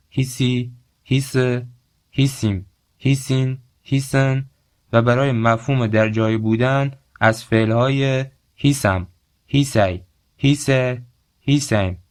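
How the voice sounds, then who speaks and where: Man slowly drilling language lesson phrases. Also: medium pitch. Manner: slow, deliberate drill phrases; explains grammar then prompts learners to repeat. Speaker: language teacher. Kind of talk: recorded language lesson with repeat-after-me drills.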